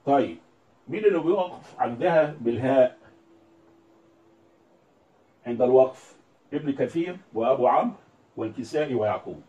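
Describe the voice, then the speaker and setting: A man's voice: medium pitch, animated, normal speed, long pauses, highs cut off. A man with an Egyptian Arabic accent teaching a religious lesson, explaining step by step and quoting verses in a recited tone. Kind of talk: religious lesson on Quran readings and script. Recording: echoey room, voice from a distance.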